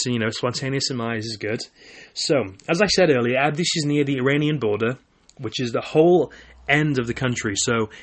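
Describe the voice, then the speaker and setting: A man's voice: mid-range voice, a bit bright. A young man from Wales talking casually on his solo podcast, rambling with lots of filler words and restarts. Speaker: podcast host.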